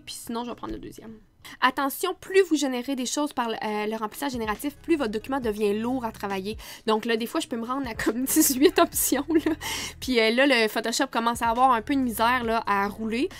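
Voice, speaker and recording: A woman photographer with a Quebec French accent, teaching in a chatty, casual way with frequent laughs. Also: on the high side. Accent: Québécois French. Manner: chatty, laughs often, many fillers. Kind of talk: casual screen-recorded tutorial.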